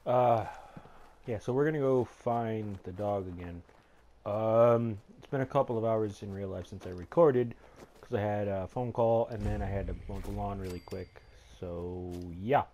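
A man's voice: lowish voice, moderate pace, warm tone, slight background noise. A young man commenting casually on his gameplay, rambling, muttering to himself and swearing often. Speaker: let's play gamer.

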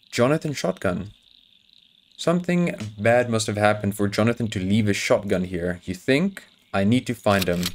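A man playing a horror game, joking nervously and chatting to his in-game dog as he goes. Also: fairly low pitch. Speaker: gaming YouTuber. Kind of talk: horror game let's play commentary.

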